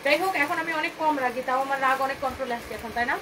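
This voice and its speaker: A woman hosts a live clothing sale in a high, rapid voice. She pushes each item with a chatty, repetitive pitch and mixes English phrases into her talk. A faint hum of the room sits under her voice. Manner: bantering with viewers' comments. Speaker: boutique owner hosting a live sale. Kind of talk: live-stream sales pitch.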